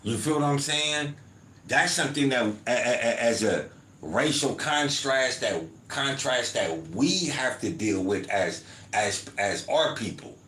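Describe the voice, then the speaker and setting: Here's a man from the United States running his own podcast, reading chat and riffing with listeners in a loose way full of "man" and "you feel me." His mid-range voice is animated and sharp, moving at a measured pace. Slight background noise sits in a roomy home recording with faint ambience.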